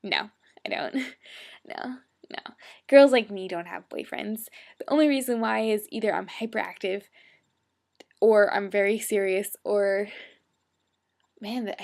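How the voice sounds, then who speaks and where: A woman in her twenties talks casually to her webcam in a hyper, bubbly way. Her voice has a gravelly fry, and she slips into whispered asides between her chatter. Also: mid-range voice. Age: 20s. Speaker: role-play blogger.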